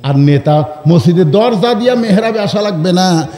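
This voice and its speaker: A man's voice: high voice, expressive, moderate pace, mellow, roomy sound, big-room sound. A man preaching a sermon, telling stories with great passion, acting out the voices, and calling on the crowd to answer him. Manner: impassioned storytelling, acts out voices, calls on the crowd to answer. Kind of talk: Bengali waz sermon.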